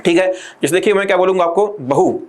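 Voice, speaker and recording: Male tutor, lecturing a class, slightly high voice, rhetorical questions, slow dictated definitions. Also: level tone. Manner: drills points with repeated rhetorical questions, slows to dictate definitions. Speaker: teacher. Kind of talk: exam-prep classroom lecture.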